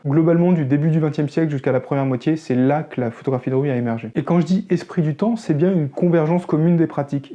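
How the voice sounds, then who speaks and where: A French man explains photography to his channel's viewers in an easygoing, conversational way. His voice sits slightly high yet sounds warm and mellow. Now and then he makes a wry joke about himself. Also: muffled recording. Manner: explanatory, conversational, self-deprecating asides. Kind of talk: educational talk to camera.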